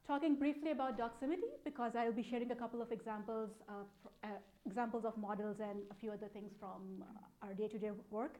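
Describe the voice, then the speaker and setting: The recording is rough, capturing a fairly high, dark-toned voice with fairly even intonation and a fast pace. The speaker is a thirty-something woman with a Pakistani accent, a data analytics program manager giving an informal, explanatory conference talk.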